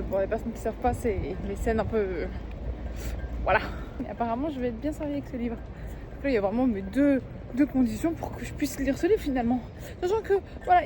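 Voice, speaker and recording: A young woman vlogging casually on her phone while out in the city, chatty and confiding. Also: high voice. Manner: chatty, confiding, sometimes whispering. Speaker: fitness vlogger. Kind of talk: casual vlog chat. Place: out and about in the city, street and transit. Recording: phone audio with street noise.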